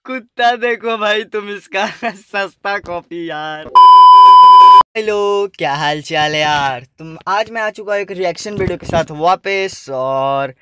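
A man's voice: sits high, a little slow, heavy background noise. A young man hosting a live reaction video, exclaiming often and laughing at what he watches. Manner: keeps exclaiming and laughing at clips.

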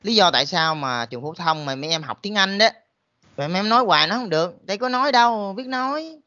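A man's voice: high-pitched, animated, fast, sharp tone, no echo, highs cut off. A man with a Southern Vietnamese accent, a college teacher giving a motivational talk to students and constantly throwing in rhetorical questions. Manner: emphatic, full of rhetorical questions.

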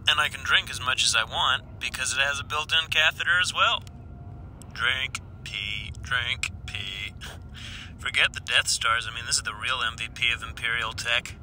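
Young male rookie stormtrooper, acted by a man, film comedy: chatty, awkward, eager, sharp bright tone, faint ambient noise. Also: mid-range voice, normal speed, low-quality recording. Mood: bored chatty. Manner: rambling, awkward, casual. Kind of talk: short comedy film dialogue.

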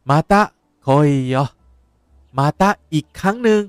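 A young man, a language teacher explaining words in a lively way while playing a game. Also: high voice, measured pace, clear, resonant tone, dry recording, clean studio sound. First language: Japanese. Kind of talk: game playthrough lesson.

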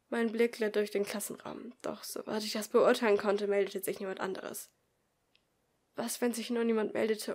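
Woman narrating an amateur audiobook. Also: medium pitch. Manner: expressive, drops to a whisper for inner thoughts. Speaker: audiobook reader. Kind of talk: amateur first-person story narration.

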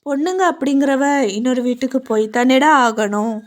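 A woman voicing a playful young woman who teases her younger brother, talking in a high, whiny way. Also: a little fast, natural voice. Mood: tender. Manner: whiny and teasing, high pitched. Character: young woman, playful teasing older sister.

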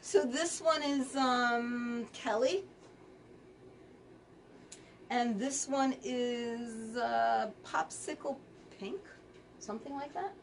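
A woman's voice: a little high, drawn-out words, pauses often, recorded from a distance, slight background noise. A woman hosting a live fabric sale, chatting casually as she reads out color names. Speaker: quilt shop host.

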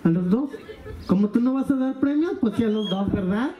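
Teasing party clown, echoey hall. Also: male voice, high-pitched, animated, moderate pace, warm tone. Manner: teasing, jokey, calls everyone amigo. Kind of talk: live party clown banter with audience. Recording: echoey hall with crowd noise.

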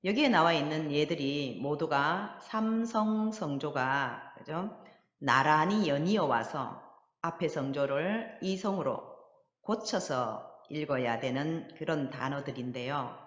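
A woman teaching Chinese, patiently modeling each word slowly and inviting learners to repeat after her. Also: deep voice. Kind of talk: recorded language lesson. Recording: dull lo-fi audio with long hall echo.

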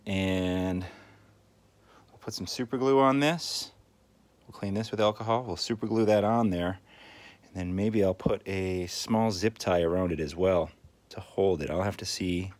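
In an unhurried, low, slightly mellow voice, the host of a tinkering channel walks through a hands-on repair, casually thinking out loud in a folksy style. He's indoors at a work table. Clicks, handling sounds, and background noise are clearly audible.

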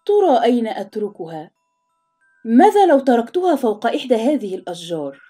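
A woman's voice: fairly high pitch, big pitch swings, fairly quick, warm tone, husky, faint music behind. A woman voicing a spoiled schoolboy bully who talks in a mocking, sneering way.

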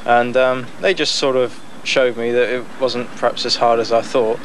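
A young man speaking casually in an interview outdoors on a boat deck, relaxed and chatty, with frequent fillers and laughs. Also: mid-range voice, normal speed. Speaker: amateur boat builder. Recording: noisy outdoor 1990s news tape.

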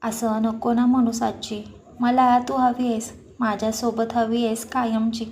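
A woman voicing a gentle, loving young woman who speaks softly and earnestly. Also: on the high side, little pitch movement, measured pace, natural voice.

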